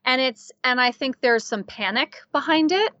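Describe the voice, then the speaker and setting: A woman guest talking in a casual interview, animated, laughing often and leaning on filler words. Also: high voice, normal speed, no room sound, lo-fi sound. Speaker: guest coach.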